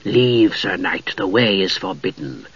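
A man's voice: animated, unhurried, fairly bright tone, breathy edge, no room sound, muffled recording, exaggerated voice. A man voicing a hollow, menacing spectre that guards a wizard's tower in an audiobook. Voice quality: hollow, low and whispery.

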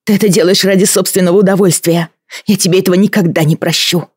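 A man's voice: high voice, steady tone, fast talker, slightly rough, dry recording, clean studio sound, voice pushed up. A man voicing a defiant, proud young woman.

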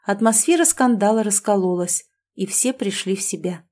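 A woman narrating a novel as an audiobook. Her reading is expressive and lively, in a mellow, dark tone at a middle pitch. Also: normal speed.

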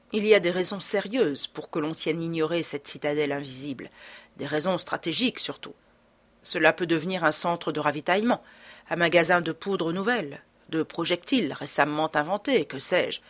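A woman's voice: fairly low pitch, lightly acted. A woman reading aloud voices a grave, self-important older police inspector in a storybook. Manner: grave and solemn.

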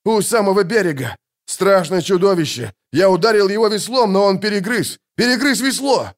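A male audiobook narrator voicing a frantic young man who shouts his words breathlessly. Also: high-pitched, animated, moderate pace, pitched above the performer's own voice. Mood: panicked.

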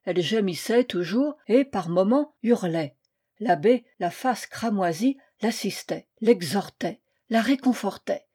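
A woman reading a classic short story aloud as an audiobook narration, measured and expressive. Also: mid-range voice, slightly rough. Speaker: reader.

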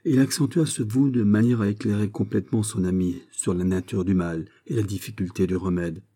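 Low, dark-voiced male audiobook narrator. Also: fairly even intonation, fairly quick.

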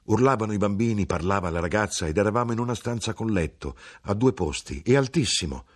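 A man giving an expressive, theatrical reading of a literary audiobook. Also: fairly low pitch, fast. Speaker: audiobook reader.

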